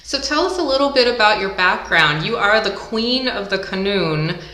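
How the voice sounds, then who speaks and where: A woman's voice: mid-range voice, lively intonation, moderate pace, sharp tone. A woman interviewer asking friendly, complimentary questions. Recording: roomy echo.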